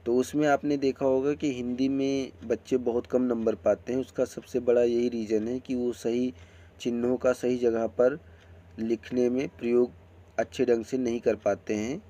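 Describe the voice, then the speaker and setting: A man teaches a grammar lesson in his own channel's video, speaking at a middling pitch. He explains step by step in an unhurried way and keeps turning to his viewers in a friendly manner. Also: dark tone. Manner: slow, explanatory delivery with friendly addresses to viewers.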